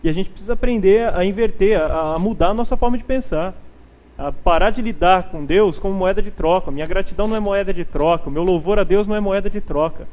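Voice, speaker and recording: A man with a high voice talks quickly and emphatically as a pastor on a faith panel. He preaches his points and acts out the prayers he quotes. The sound is dull and lo-fi.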